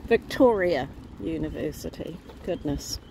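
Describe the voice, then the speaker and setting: A woman vlogging outdoors while walking her dogs, chatting in an easy, unhurried way to viewers and her pets, recorded on a handheld phone. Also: sits low, expressive, dark tone, slight background noise. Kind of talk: casual walk-and-talk vlog. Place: outdoors on suburban streets. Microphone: phone camera held while walking.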